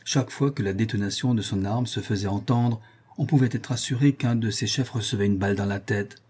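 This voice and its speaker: A man reading a seafaring novel aloud as narrator, measured and steady. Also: lowish voice, slightly rough. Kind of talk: audiobook reading.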